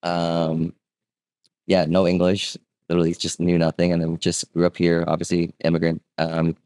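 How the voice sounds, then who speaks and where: Deep-voiced man in his thirties, easygoing interview guest, chatty with fillers, close and dry. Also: moderate pace, clean tone, no echo. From Vietnam. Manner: relaxed, conversational, frequent fillers and rhetorical "right?". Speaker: guest, real estate agent. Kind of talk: casual interview storytelling.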